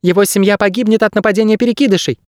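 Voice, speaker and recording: A man voicing a smug little male bird guide in an audiobook, with a thin squeaky voice and an evasive, boastful manner. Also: fairly even intonation, racing, no room sound, studio quality, close to an everyday voice. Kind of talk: audiobook character voice.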